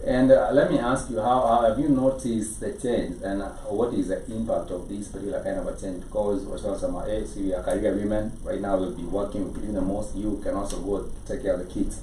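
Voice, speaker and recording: A man's voice: lowish voice, warm tone. A man with a Kenyan accent hosting a conversational entertainment interview, wordy and repeating phrases for emphasis. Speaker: talk show host. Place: studio. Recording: echoey room, distant mic, background noise.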